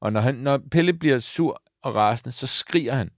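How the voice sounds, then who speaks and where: A man's voice: mid-range voice, no room sound, studio quality. A man in his thirties talking casually on a podcast, rambling with many restarts and telling stories about his young son. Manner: rambling, self-correcting, fond of his son. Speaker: podcast co-host. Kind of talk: casual chat.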